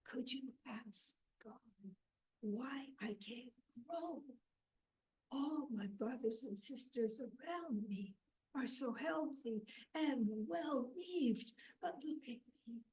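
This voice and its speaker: A woman's voice: high-pitched, slow pace, darkish tone, husky, voice pushed up, full character voice, low-quality recording. A woman whispering as a sickly thin tree. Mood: plaintive.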